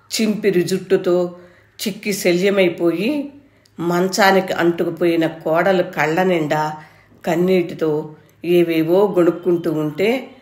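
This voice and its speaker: A woman narrating a short story in a measured, expressive way, her voice on the lower side. The recording has a noticeable roomy echo around her reading.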